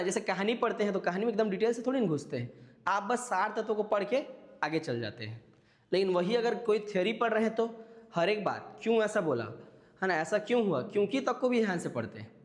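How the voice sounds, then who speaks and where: Male teacher lecturing in a reverberant room. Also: high voice. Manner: explains step by step, keeps checking in with listeners. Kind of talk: classroom lecture.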